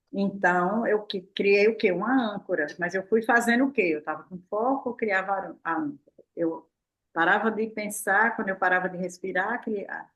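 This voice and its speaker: Mulher mais velha, fala animada e brincalhona. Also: female voice, medium pitch. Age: older. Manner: lively, playful, full of "né?" and rhetorical "o quê?". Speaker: therapist and guest speaker. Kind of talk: casual explanatory talk to a live online audience.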